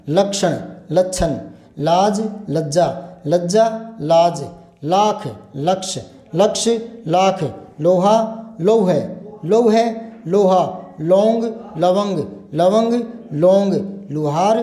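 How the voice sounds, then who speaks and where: A man with a fairly high voice teaches a Hindi vocabulary class at an unhurried pace. He recites word pairs in a slow, rhythmic drill. The sound bounces around an echoey room. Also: mellow.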